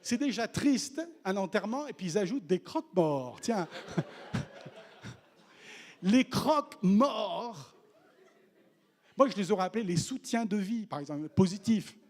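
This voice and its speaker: A man preaching a sermon as a missionary, animated and humorous, acting out the people in the story he tells. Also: high voice, a little fast, few pauses. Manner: animated, acts out voices of people in the story, jokes with the congregation.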